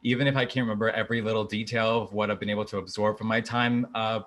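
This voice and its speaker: A man's voice: fairly low pitch, little pitch movement, fast, a bit bright. A man in his twenties from Latvia, a native Latvian speaker, giving a prepared self-introduction as a candidate over a video call, earnest with filler "uh"s. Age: 20s. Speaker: candidate for student government post.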